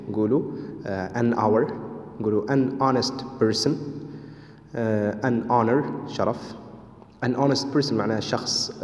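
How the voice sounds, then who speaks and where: A man with a Hassaniya Arabic accent teaching an English lesson, explaining slowly with many fillers and reading English examples deliberately. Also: on the low side, darkish tone. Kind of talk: online language lesson. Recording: echoey room with long reverb.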